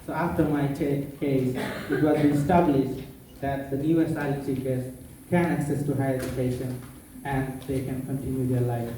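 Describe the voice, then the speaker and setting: A man's voice: mid-range voice, little pitch movement, moderate pace, dark tone, a little hiss or hum. Bangladeshi man speaking in an echoey conference room. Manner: earnest, non-native phrasing, playful asides. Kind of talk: public speech. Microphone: far from the mic. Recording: echoey room, mic far off.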